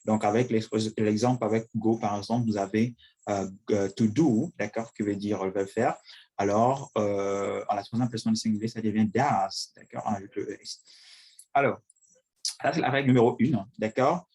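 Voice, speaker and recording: A man explaining a grammar lesson as an English teacher, pausing often with fillers and checking in with the class. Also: lowish voice, darkish tone, breathy edge, rough recording. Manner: frequent fillers, checks in with "d'accord?".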